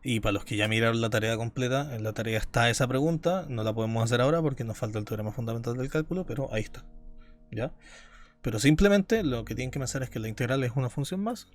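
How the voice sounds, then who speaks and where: A man's voice: medium pitch, fast talker. A man teaching a university calculus class, explaining step by step and often checking in with his students. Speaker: university math lecturer. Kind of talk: live calculus lecture.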